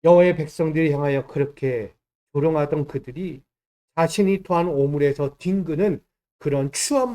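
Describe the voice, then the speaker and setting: A male pastor preaches with a soft, mellow tone. He drives his points home, posing questions to the congregation and answering them at once. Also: a little high. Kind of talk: sermon.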